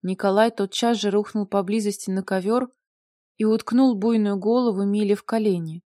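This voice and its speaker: Warm-voiced woman narrating an audiobook. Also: mid-range voice, moderate pace, no echo, clean studio sound. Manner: lively, wry storytelling. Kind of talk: scripted narration.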